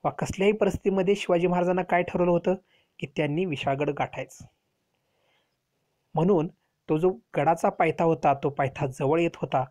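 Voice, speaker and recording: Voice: medium pitch, moderate pace, darkish tone. A teacher telling a history lesson to children, explaining step by step and asking rhetorical questions.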